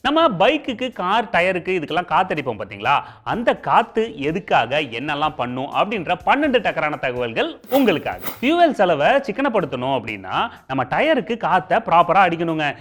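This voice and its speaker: This Tamil Nadu-accented TV host has a voice on the high side and fairly bright, with big pitch swings and a brisk pace. He explains topics to his audience directly and conversationally in colloquial Tamil, adding comic asides along the way.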